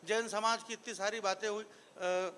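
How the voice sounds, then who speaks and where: High bright-voiced man on stage. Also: fairly even intonation, a little slow, a little hiss or hum. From Marwar, Rajasthan. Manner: joking asides, then rising declamation. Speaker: stage poet. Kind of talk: live poetry recital with banter. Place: stage at a live event. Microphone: stage microphone.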